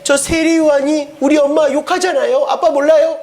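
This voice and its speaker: A man's voice: very high-pitched, little pitch movement, moderate pace, darkish tone, pitched above the performer's own voice. A man voicing a sweet-talking young girl who coaxes her father in a whiny, giggly way. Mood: coaxing.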